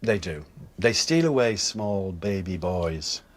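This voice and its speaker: A man with an Irish accent telling folklore conversationally, in an unhurried, lilting storyteller's manner. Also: low-pitched, animated. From Ireland. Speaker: traditional Irish storyteller, guest.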